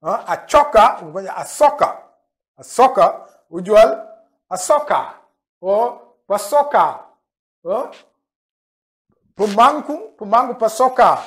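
A man leads a spoken language lesson at an unhurried pace, his pitch rising and falling a lot. He drills pronunciation by saying each example word several times in a row. His first language is Manjaku. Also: expressive. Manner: slow, repeats words to drill pronunciation. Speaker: language teacher.

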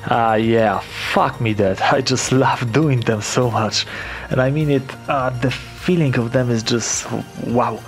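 A man's voice: mid-range voice, slow pace, faint music behind. A young man giving an enthusiastic, casual first-person voice-over about his flight, swearing freely now and then. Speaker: paragliding vlogger.

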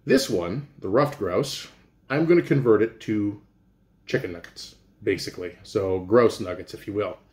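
In an echoey recording from a small indoor room with hard walls, a middle-aged chef from Canada walks through an informal, homey cooking demonstration, explaining as he cooks. He speaks at a moderate pace in a fairly low, slightly mellow voice.

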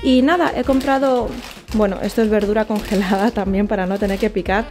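Soft music sits under a medium-pitched, darkish female voice that moves fairly quickly with even intonation. The speaker, a young vlogger with an accent from Spain, chats animatedly and mocks herself as she shows her shopping, filmed close-up on a handheld camera in a small home kitchen.

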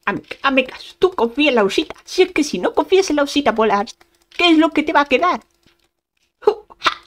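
Woman, playful gameplay commentator, higher pitch, very animated. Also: fast. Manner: playful, bursts of exclamations and sound effects. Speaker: gaming youtuber.

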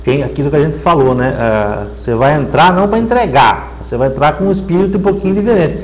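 Guy hosting a sports show, kinda high voice, reads scores steady. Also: fast talker, rough recording. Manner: steady, reads lists of results. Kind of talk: casual sports chat and results reading. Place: TV studio set. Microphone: lapel mic.

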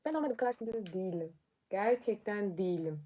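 A young woman vlogs casually as she does her makeup, chatty and quick to lose her temper before she talks herself calm again. Her voice is mellow and warm, at a middle pitch. A faint hiss sits under the recording. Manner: chatty, quickly frustrated and self-soothing. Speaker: vlogger. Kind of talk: casual vlog chat while doing makeup.

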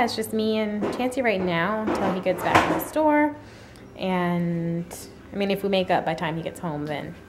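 A woman's voice: fairly low pitch, slight background noise. A woman talks to her viewers in a loose, chatty vlog. She rambles from one thought to the next, with plenty of fillers along the way. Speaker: vlogger, mother. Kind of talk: casual vlog chat.

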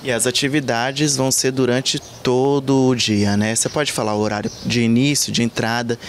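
Speaking into a handheld reporter mic in a leafy outdoor yard, this Brazilian man in his thirties puts interview questions to someone. His mid-range voice keeps a steady tone and a moderate pace, and faint outdoor sounds can be heard behind him.

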